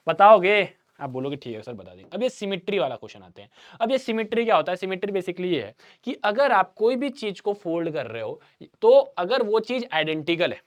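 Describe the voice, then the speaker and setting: A man teaching an online maths revision class, talking to students in a lively, chatty way and often answering for them. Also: high voice. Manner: lively Hindi teacher, addresses students as bhaiya, voices their replies.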